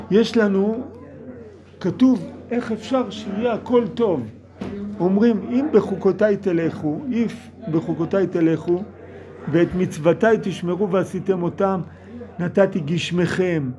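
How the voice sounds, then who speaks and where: Man, higher voice, preacher spinning a story-sermon, acts out the characters' lines, mixes in English. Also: a little mellow. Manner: drops English words into his talk. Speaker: religious speaker. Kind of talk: sermon told as a parable.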